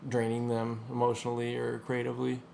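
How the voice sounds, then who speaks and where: A man's voice: medium pitch, completely flat delivery, a little fast, vocal fry, a little mellow, slight background noise. Rambling man on a casual podcast. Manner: rambling, hesitant, laughs often. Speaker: podcast co-host. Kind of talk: casual chat.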